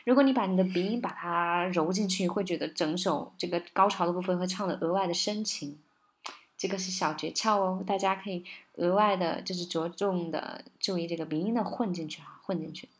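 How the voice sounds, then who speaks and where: Patient woman teaching song pronunciation. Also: on the low side. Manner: patient, coaxing, checks in with listeners often; slows down to model English words, sometimes sings lines. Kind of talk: casual spoken lesson.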